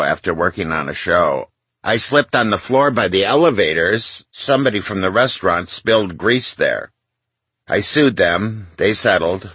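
A man's voice: low-pitched, sharp tone, slightly rough, no room sound. A man in his sixties reading his memoir aloud to his mother, wry and confiding, with self-mocking asides. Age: 60s. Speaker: memoir author.

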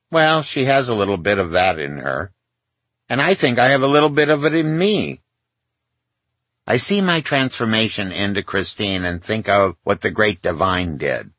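A man in his sixties with a low, husky voice tells his memoir as if talking to his mother. He sounds wry and confiding and slips in jokes at his own expense. The sound is close and dry. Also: a bit bright, no echo. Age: 60s. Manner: wry, confiding, conversational with self-mocking asides. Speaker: memoir author.

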